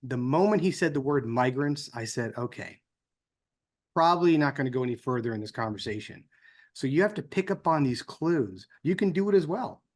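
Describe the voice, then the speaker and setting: An American man speaks informally as a co-founder, telling personal anecdotes in a conversational way and acting out the dialogue within them. His voice is medium-pitched and expressive, at a moderate pace.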